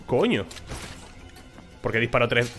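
A man's voice: medium pitch, big pitch swings, unhurried, fairly bright tone, soft background music. A man from giving casual, swear-filled commentary while playing a horror game. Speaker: gamer. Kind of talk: let's play commentary.

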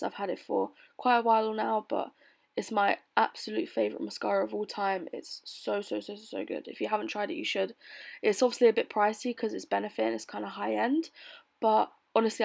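A young adult British woman giving a casual makeup tutorial voice-over in a bored, low-energy way. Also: fairly quick, gravelly, darkish tone. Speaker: beauty vlogger. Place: bedroom, voice-over recorded lying on bed.

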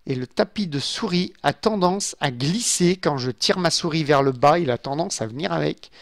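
A man's voice: fairly high pitch, lively intonation, normal speed, gravelly, fairly bright tone, dry recording, studio quality. A man giving casual let's-play commentary from his home computer, chatting and muttering asides to his viewers as he builds. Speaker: gaming YouTuber. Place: home room with a glass desk.

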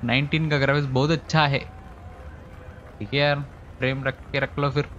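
A man's voice: on the high side, flat delivery, racing, fairly bright tone. Indian man streaming, slightly dull sound. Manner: joking, playful boasting. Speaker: live game streamer. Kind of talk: casual chat while gaming. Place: indoor room, streaming setup. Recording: dull audio with faint game noise. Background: cricket game sound.

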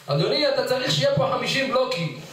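A man's voice: very high voice, very animated, fairly bright tone. A middle-aged rabbi giving a sermon-style Torah lesson, telling stories and acting out the pleas he quotes. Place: study hall. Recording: echoey hall, voice far from the mic.

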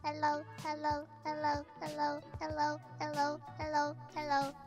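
A robotic horror-game animatronic, as a woman puts it on, flat and mechanical. The voice stays high and repeats itself in an even, doll-like way. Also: creaky, over music. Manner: flat, repeats one word.

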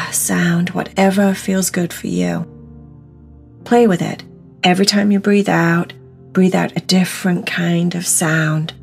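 With music playing behind her, a woman guides a meditation in a soothing, encouraging, instructional way, repeating words for emphasis. Her voice is on the low side, darkish in tone, with vocal fry.

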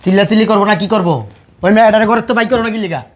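A man playing a harsh shouting stepfather. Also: high voice, fairly even intonation, racing, natural voice. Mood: scornful. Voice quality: shouting, scornful. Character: harsh, insulting middle-aged stepfather. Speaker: stepfather in a family drama. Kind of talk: Bangladeshi short drama acting.

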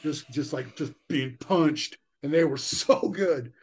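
A middle-aged man talks from a room at home over a video call, pitched a little high for a man. He rambles with eager enthusiasm, scattering "you know" through his sentences in a casual interview chat. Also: takes it slowly, darkish tone, husky. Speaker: guest musician.

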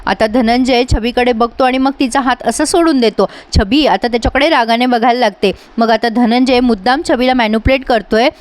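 A woman host tells a TV serial episode recap in a lively, exclaiming storytelling manner. Her voice is high. The recording is close and dry. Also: fairly quick, hardly any pauses, no room sound.

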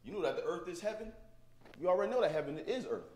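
A man preaches in a roomy, echoing church sanctuary, his voice sitting a little high for a man. He talks plainly with loose, everyday grammar and keeps pulling the congregation in with "right?" between his points. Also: lively intonation, quick pace, a little mellow. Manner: call-and-response, asks the congregation "right?"; plain-spoken, informal grammar. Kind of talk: sermon. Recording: echoey church room.

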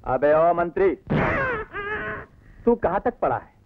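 An actor playing a brash, threatening police officer in a dubbed action film. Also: male voice, on the high side, big pitch swings, slow, phone-quality sound. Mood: commanding.

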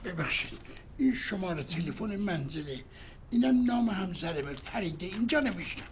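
A man's voice: high voice, expressive, a little hiss or hum. An actor playing an older man, a hotel guest who complains emphatically about his stubborn wife. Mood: exasperated.

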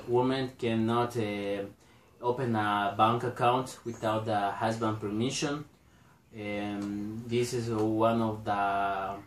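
A young man gives a class presentation in English, halting with many filler sounds and restarts, recorded on a laptop mic in a small room. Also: fairly low pitch, slight background noise. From Bolivia. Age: young adult. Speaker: student presenter. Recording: echoey room, a bit distant.

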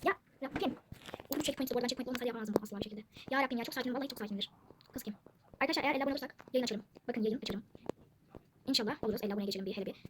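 A gaming channel host, a woman with a voice on the high side, talks very fast as she plays a game and comments on it. She's chatty and addresses viewers constantly, while siblings chatter in the noisy background.

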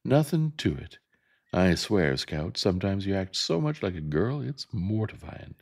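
A gravel-voiced man voicing a bossy, boastful older boy in a storybook reading. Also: low voice, big pitch swings, a little slow, a little mellow, voice pushed up, full character voice. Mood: shouting. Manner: bossy, hollering.

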